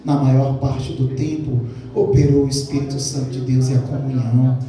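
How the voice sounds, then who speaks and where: A man's voice: mid-range voice, flat delivery, normal speed, warm tone. A male pastor delivering a sermon, asking the congregation questions and repeating phrases for emphasis. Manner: preaching with rhetorical questions to the congregation. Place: church hall. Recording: very echoey church hall, mic at a distance.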